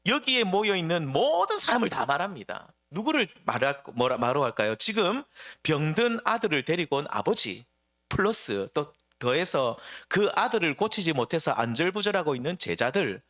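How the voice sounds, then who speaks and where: Lively, bright-voiced preaching man. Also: fairly high pitch, moderate pace. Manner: expressive preaching with rhetorical questions. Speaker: pastor. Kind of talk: sermon.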